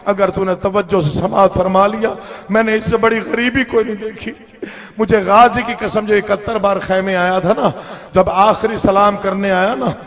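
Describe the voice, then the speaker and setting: A man with a Pakistani Urdu accent reciting a Shia mourning sermon to a live gathering, moving from soft asides to loud chanted lament. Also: high-pitched, steady tone, normal speed. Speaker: majlis reciter. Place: large hall before a live gathering. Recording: live recording with long hall reverb.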